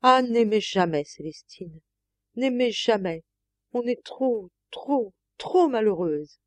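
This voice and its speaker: A woman's voice: medium pitch, lively intonation, a little slow, warm tone, dry recording. A woman reading an audiobook, voicing a lovelorn, tearful lady of the house who pleads and moans. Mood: lamenting. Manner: pleading, moaning, breaking into sobs. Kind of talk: audiobook character voice.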